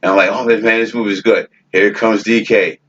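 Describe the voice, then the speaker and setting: A man's voice: on the low side, flat delivery, normal speed, fairly bright tone. A man co-hosting a podcast, telling a story in casual chat, profane and often laughing. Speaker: podcast co-host. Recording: dull lo-fi podcast audio.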